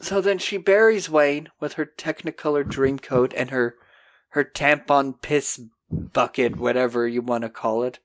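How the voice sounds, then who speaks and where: A man hosting a podcast, recapping a film in a casual, animated, jokey way. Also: mid-range voice, unhurried. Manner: animated storyteller, jokey, acting out scenes. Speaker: podcast host.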